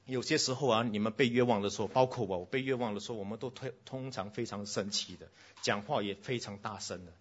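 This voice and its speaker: A man preaching a sermon to a congregation, switching between loud exclamations and hushed lines, slipping in English phrases and speaking directly to the children. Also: on the low side, quick pace, breathy edge, lo-fi sound.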